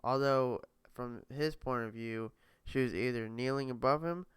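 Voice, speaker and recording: A man's voice: medium pitch, measured pace, clear, resonant tone, no room sound. A young man casually reading a novel aloud, often stumbling over words and correcting himself. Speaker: reader.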